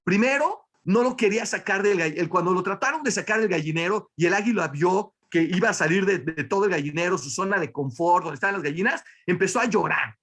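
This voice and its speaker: A man tells a motivational story to his team, his voice pitched high for a man. He is animated and loose, often restarting and doubling words mid-sentence. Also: a little fast, hardly any pauses. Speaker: business leader giving a motivational talk.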